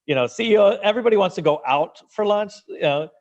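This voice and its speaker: A man from Venezuela, a business founder being interviewed, who talks in an animated way and often repeats words as he restarts sentences. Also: sits high, quick pace, muffled recording. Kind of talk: interview conversation.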